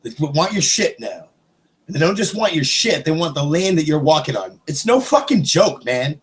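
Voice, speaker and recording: A man's voice: a little high, sing-song, moderate pace. A man vlogging a profane, rambling political rant, agitated and swearing. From United States.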